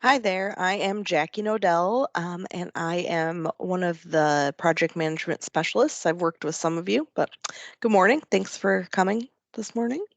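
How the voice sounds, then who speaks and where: A woman's voice: on the low side, normal speed, creaky, dry recording. A woman introducing herself on a work call in a friendly, informal way. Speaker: grant project specialist. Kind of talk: brief self-introduction on a call.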